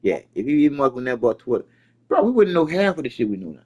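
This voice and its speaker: Preachy, animated man chatting on a stream. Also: medium pitch, fast talker, slightly rough. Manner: loose, preachy, talks to viewers, stammers. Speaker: live stream host. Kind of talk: casual live stream chat.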